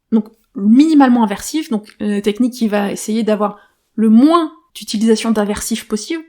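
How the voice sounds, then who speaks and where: A woman hosts a solo podcast with a slightly raised voice. She talks loosely and thinks aloud, filling pauses with small hesitations and restarting her phrases. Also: a little high, mellow. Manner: casual, thinking aloud with many fillers like "bah". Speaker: podcast host.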